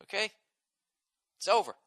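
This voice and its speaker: A man's voice: moderate pace, a bit bright. A man in his forties with a Boston accent, ranting and swearing on his solo podcast, exasperated. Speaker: podcast host.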